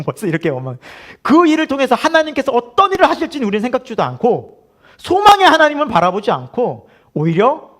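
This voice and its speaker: A man's voice: high voice, a bit bright. A male pastor preaching a sermon at a midweek prayer service. He asks the congregation questions, laughs often and acts out the voices he quotes.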